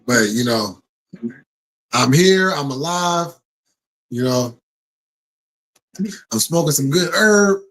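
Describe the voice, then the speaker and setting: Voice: medium pitch, animated, slow, long pauses, a bit bright, low-quality recording. Casual, slangy live stream host. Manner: informal, slangy, swearing. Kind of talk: casual live chat, talking to viewers.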